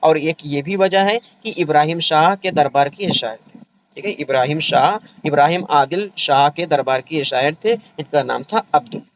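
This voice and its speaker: A man with a fairly high voice teaches an exam-revision class, going over each point more than once. His delivery is patient and methodical. He checks in with his students often to make sure they are keeping up. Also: slight background noise, rough recording. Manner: explains patiently, repeats points, often checks with "theek hai". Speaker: Urdu exam-prep teacher. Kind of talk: online revision lecture.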